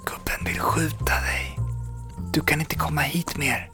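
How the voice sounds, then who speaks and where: Male reader doing a young boy in whispered role-play, hushed and conspiratorial, slightly raised pitch, for a storybook reading over music. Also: steady tone, lightly acted. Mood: secretive. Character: young boy sneaking out at night. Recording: background music under the voice.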